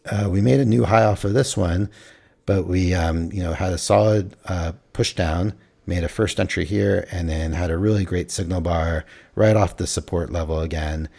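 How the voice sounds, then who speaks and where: Very deep-voiced man, slightly hoarse. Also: darkish tone. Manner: matter-of-fact, thinking aloud. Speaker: futures trader reviewing his trades. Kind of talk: casual screen-recorded trade recap.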